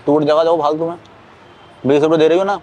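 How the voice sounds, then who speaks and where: A man playing a swaggering small-time male street thug who talks rough, boastful and bullying, in a staged sketch. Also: on the high side, fairly even intonation, fast talker, darkish tone, lightly acted. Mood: menacing.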